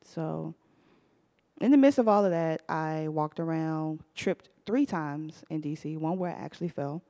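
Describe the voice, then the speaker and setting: A young woman hosting a podcast, telling a personal story to a live audience, animated and laughing often. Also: sits low, measured pace. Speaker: podcast host.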